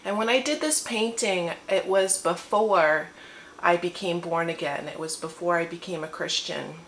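This woman's voice sits on the low side and has a fairly bright tone, moving at a normal speed as she vlogs a rambling, long-winded testimony from her living room in her morning voice. The room adds echo and faint ambience, and there's a little hiss or hum.

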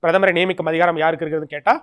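A man teaching a recorded exam-prep lesson over slides. He often checks in with "okay?" and reads English terms out slowly. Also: fairly high pitch, steady tone, a bit bright. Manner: tags lines with a checking "okay?", mixes English terms into his explanations.

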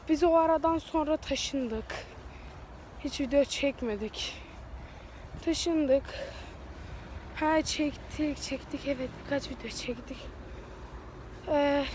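A high-voiced young woman vlogs outdoors on a phone held at arm's length, her voice thick and stuffy from a cold. She rambles in a chatty, self-mocking way. Faint street sound sits behind her. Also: warm tone, slight background noise. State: congested and sore-throated from a cold. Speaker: vlogger. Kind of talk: casual walking vlog.

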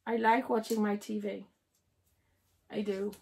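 A woman's voice: mid-range voice, little pitch movement, unhurried, vocal fry, a little mellow. A woman livestreaming casually, chatting and giggling with viewers while she builds. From United Kingdom.

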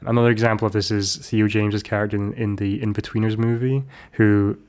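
A man's voice: on the low side, level tone, fairly quick, a little mellow. A man hosting a podcast, recapping a film in a rambling, casual way with lots of restarts and asides. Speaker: podcast host.

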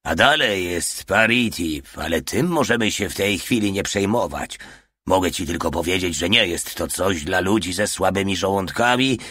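A man's voice: sits low, animated, normal speed, pushed and bright, husky, no room sound, studio quality, full character voice. A man voicing a grim, sardonic commissar in an audiobook reading. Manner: sardonic, warning. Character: wry, grim male commissar, middle-aged. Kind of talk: audiobook character voice.

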